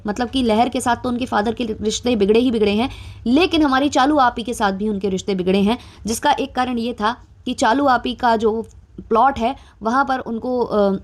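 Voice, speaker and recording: A young adult woman talking through gossip commentary in a chatty way, with frequent filler sounds and a mildly sarcastic edge. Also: on the high side. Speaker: commentary vlogger.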